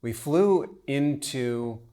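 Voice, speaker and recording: Middle-aged man, relaxed podcast host, unhurried telling, mid-pitched voice. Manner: relaxed, storytelling with pauses and fillers. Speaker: podcast host, travel writer. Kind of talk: casual chat.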